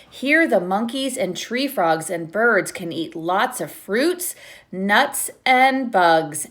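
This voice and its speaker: Here a woman with a slightly high voice reads aloud from a picture book for kids. She sounds like a teacher, bringing expression to the text and pausing for short explanations to her young audience.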